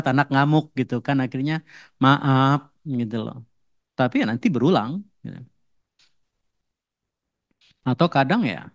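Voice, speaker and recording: A man preaches at an ordinary pitch, in the easy tone of a chat rather than a formal address. He tags his points with casual filler and briefly lifts his voice to play both sides of a domestic spat. The sound is dry and close, with little room echo. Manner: acts out quarrels in raised voices. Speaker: pastor. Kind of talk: sermon.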